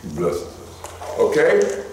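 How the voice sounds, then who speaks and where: A man's voice: mid-range voice, huge pitch swings, slow, a little mellow. A male pastor delivers a folksy, story-driven sermon, his voice leaping upward when he gets stirred. He sounds distant from the mic, in a church sanctuary with heavy echo and a faint hum of room noise.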